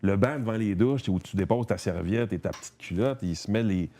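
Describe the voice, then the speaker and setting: Low-voiced Québécois man, rambling. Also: brisk, dark tone. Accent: Québécois French. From Quebec. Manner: rambling, restarts, frequent "tu sais", swears casually. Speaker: guest. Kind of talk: casual conversation.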